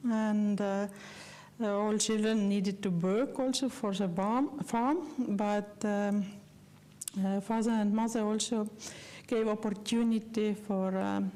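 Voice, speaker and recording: A woman with a dark, mid-range voice gives a slide lecture in English, which isn't her first language. She speaks earnestly and personally but haltingly, with lots of fillers and restarts.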